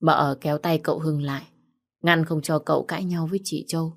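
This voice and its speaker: A woman narrating a story audiobook in a steady, even-paced reading. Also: low voice, fairly quick, gravelly.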